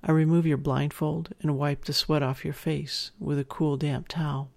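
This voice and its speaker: A narrator speaking as a dominant partner, telling an erotic story to the listener in an intimate, measured way. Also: medium pitch, little pitch movement, vocal fry. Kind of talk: intimate second-person erotic audio narration.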